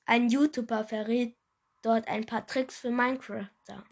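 A woman reads a children's book aloud at an unhurried pace. Her voice sits a little high, and the reading is unpolished, with small stumbles over words. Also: fairly even intonation. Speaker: reader.

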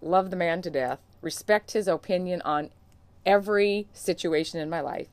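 A woman coach hosts her own podcast, speaking directly to listeners in an earnest, encouraging, conversational solo monologue. Her voice is lowish and a little mellow, at normal speed, with no room sound.

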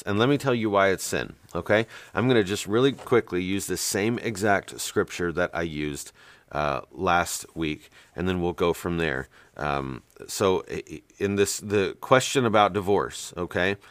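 A deep-voiced man teaches from scripture in a blunt, emphatic monologue, full of ums and quick restarts. His voice is very low and sits dry and close, with no room sound around it. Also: fairly bright tone, no room sound. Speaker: Bible teacher and show host.

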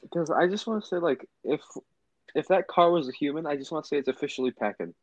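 A man's voice: on the high side, fast, dry recording, highs cut off. A young man co-hosting a casual podcast, laid-back and easily amused. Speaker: podcast co-host.

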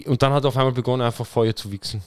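A young man, co-hosting a casual podcast chat and telling animated stories in slang. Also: mid-range voice, very fast, no echo, clean studio sound. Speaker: podcast co-host.

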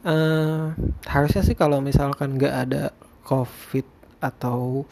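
Casting: young male podcaster, Jakarta-area Indonesian accent, medium pitch, r-sound speech impediment, loose rambling diary delivery. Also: mellow. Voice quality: speech impediment, cannot roll or clearly say the r sound (cadel). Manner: informal, rambling, hesitant. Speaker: podcast host. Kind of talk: casual solo podcast diary.

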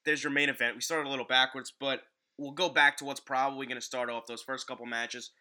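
A man's voice: medium pitch, steady tone, quick pace, bright, forceful tone. A man hosting a casual sports podcast, recorded in a home basement. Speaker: podcast host. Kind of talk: casual sports podcast chat about wrestling.

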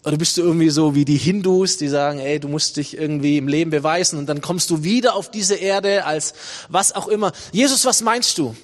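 A man's voice: on the high side, fairly quick, long reverb tail, lightly acted. A man voicing a puzzled, skeptical old religious scholar who asks incredulous questions. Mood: baffled.

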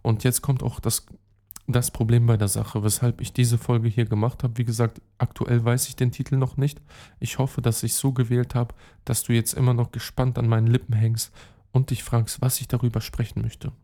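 A man's voice: mid-range voice, little pitch movement, moderate pace, warm tone. A young man hosting a casual solo podcast, rambling with lots of fillers and street slang, talking straight to his listeners. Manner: chatty, rambling, many fillers and restarts. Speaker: podcast host.

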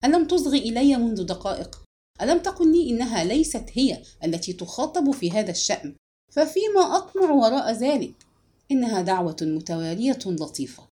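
A woman's voice: on the high side, very animated, brisk, warm tone. A woman reading the lines of a shy, nervous young man who stammers as he pleads in an audiobook story. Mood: elated.

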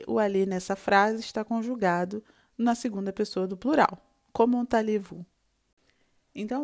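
A woman's voice: medium pitch, vocal fry. A Brazilian woman with a Brazilian Portuguese accent, teaching a French lesson, explaining patiently, recapping and modeling short dialogue lines. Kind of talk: online language lesson.

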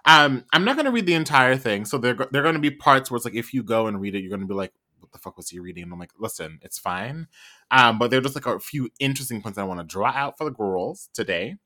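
A man co-hosting a podcast, chatting casually and reading an article aloud, animated and full of ums. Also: mid-range voice, quick pace, few pauses. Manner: animated, trails off with many ums. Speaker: podcast co-host.

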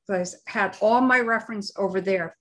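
A woman co-hosting a live podcast, giving unscripted opinions in a halting, deliberate way as she searches for words. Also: medium pitch, a bit bright. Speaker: live show and podcast co-host.

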